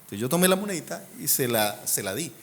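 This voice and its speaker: A Colombian man preaching a sermon as pastor, animated and humorous, swinging between loud emphatic lines and soft low endings. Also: fast talker. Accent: Colombian Spanish.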